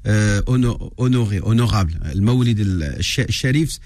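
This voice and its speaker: A man's voice: on the low side, lively intonation, moderate pace, darkish tone, no echo, clean studio sound. A man, an imam explaining religion in a live radio discussion, hesitant and searching for words. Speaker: imam, regular radio guest.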